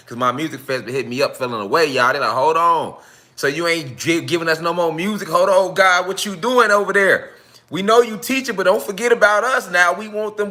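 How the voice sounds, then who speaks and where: Male host of a casual night-class stream, loose and repetitive, talking right at the audience, with a keen, forceful edge. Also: mid-range voice. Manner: loose, profane, repetitive, talks straight to the audience. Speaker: lecturer hosting an online night class. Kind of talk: casual live-stream lecture.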